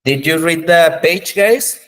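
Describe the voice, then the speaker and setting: Slow, patient male English teacher. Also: a little high, a bit bright. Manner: patient, repeats prompts in English then Spanish. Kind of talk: bilingual online class.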